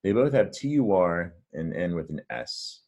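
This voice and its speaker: A man's voice: low-pitched, very animated, moderate pace, darkish tone. A man teaching a reading lesson, patient and encouraging as he explains words step by step. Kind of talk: friendly reading lesson to camera.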